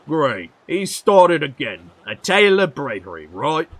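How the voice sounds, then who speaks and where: A man voicing a gruff, blunt male sailor working on a ship. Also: fairly high pitch, very animated, measured pace, fairly bright tone, dry recording, pitched above the performer's own voice, exaggerated voice.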